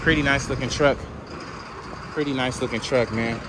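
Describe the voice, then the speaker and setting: Mid-pitched man, casual auction-yard vlogger, slangy and easygoing, outdoor phone audio with clear lot noise. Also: moderate pace. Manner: relaxed, slangy, asks viewers to comment. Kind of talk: casual walkaround commentary. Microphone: handheld phone camera, filming while walking.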